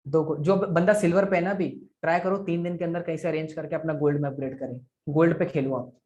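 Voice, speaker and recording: A man's voice: a little high, fairly even intonation, fast, a little mellow, muffled recording. A man who trains affiliate marketers, coaching trainees through sales targets and repeating figures aloud in a live online session over a video call.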